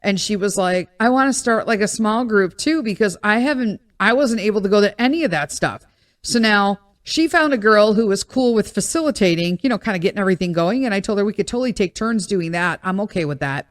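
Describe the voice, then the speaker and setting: Podcast host, woman, thirties, blunt and rambling, mid-pitched voice. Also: animated, fairly quick. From Chicago, USA. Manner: blunt, rambling, exasperated asides. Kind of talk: casual monologue.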